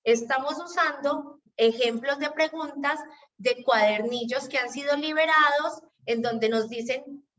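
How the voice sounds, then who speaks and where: A woman's voice: high voice, measured pace, fairly bright tone, a little hiss or hum. A woman teacher with a Colombian accent explaining spelling rules in an online class, patiently checking that students follow. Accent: Colombian Spanish. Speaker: teacher leading an exam-prep class. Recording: distant, dull video-call audio.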